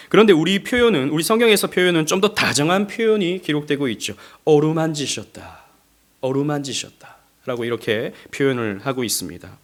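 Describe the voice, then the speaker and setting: A middle-aged man from South Korea delivers a Sunday sermon from the pulpit of a church. His voice sits a little high for a man, and he moves from soft, tender phrasing to strong, emphatic stresses, sometimes acting out the lines he quotes. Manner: gentle, rising to emphatic, acts out quoted speech. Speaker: pastor. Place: church sanctuary.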